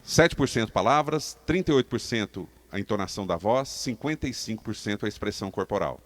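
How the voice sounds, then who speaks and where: A man with a Brazilian Portuguese accent teaching leaders public speaking to a live audience, emphatic and animated, asking the room questions. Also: on the low side, fast. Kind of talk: live talk to a seated audience.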